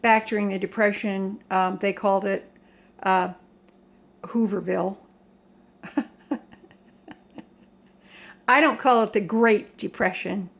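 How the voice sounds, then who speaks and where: Older woman, American accent, slow halting delivery, creaky voice, plain-spoken, emphatic, casual home vlog rant. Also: medium pitch, fairly even intonation. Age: older, 60s or above. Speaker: home vlogger. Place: home kitchen.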